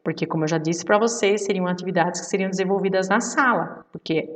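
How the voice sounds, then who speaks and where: A woman's voice: fairly low pitch, quick pace, recorded from a distance. A woman teacher giving a remote lesson to children, patient and explanatory, checking often that the class follows. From Brazil.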